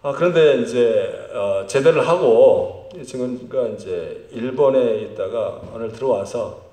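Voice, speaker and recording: A middle-aged man preaching a sermon as pastor of a church, swinging between loud emphatic lines and very quiet ones. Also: medium pitch, a little slow. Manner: lively, animated delivery. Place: church sanctuary. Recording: roomy church sound.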